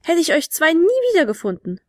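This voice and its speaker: A tiny male goblin with a squeaky, high-pitched voice, put on by a woman reading aloud. He talks in an indignant, bossy way and is quick to take offence. The sound is dry and close, like a storybook read into a mic. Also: big pitch swings, no echo. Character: squeaky little male goblin, prickly and proud.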